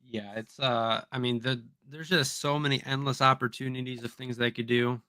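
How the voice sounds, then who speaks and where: A man's voice: mid-range voice, fairly even intonation, moderate pace, bright, forceful tone, no room sound, clean studio sound. A young man co-hosting a casual livestream podcast, talking hesitantly with many ums and likes. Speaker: podcast co-host. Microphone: streaming mic.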